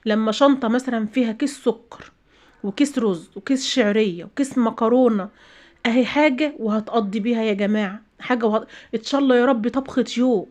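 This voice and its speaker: Fast-talking Egyptian woman giving emphatic advice. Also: on the high side, a little mellow. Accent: Egyptian Arabic. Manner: emphatic, repeats phrases, preachy. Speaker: channel host. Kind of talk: casual advice talk to viewers.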